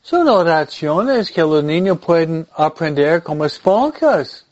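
Slow-speaking male priest with English-accented Spanish. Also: a little high, very animated, highs cut off. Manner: deliberate, halting delivery with repeated phrases. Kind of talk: informal religious talk and blessing.

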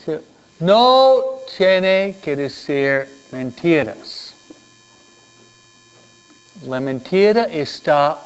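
Male children's teacher, high and lively, unhurried, lo-fi sound. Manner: animated storytelling with questions to the kids. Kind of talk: Sunday school lesson. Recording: dull lo-fi recording.

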